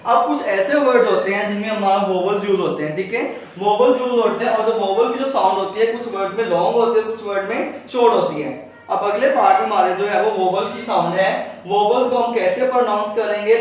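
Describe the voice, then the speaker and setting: Male English teacher, fairly high voice, patient and repetitive, spells words out; booming room echo, mic set well back. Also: fairly quick. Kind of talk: recorded video lecture. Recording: very echoey room, distant mic, dull sound.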